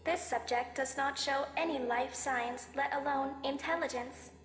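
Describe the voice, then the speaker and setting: A woman's voice: high voice, fairly even intonation, measured pace. A woman voicing a cold female ship AI in a game, her voice computer-processed, clipped and announcing commands word by word. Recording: echoey game audio with long reverb. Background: game music.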